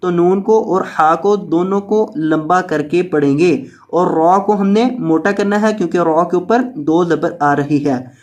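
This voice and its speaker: A Quran reading teacher giving a Noorani Qaida lesson, spelling out letters and vowel marks one by one, repeating each word patiently, and explaining the rules in quicker talk. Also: mid-range voice.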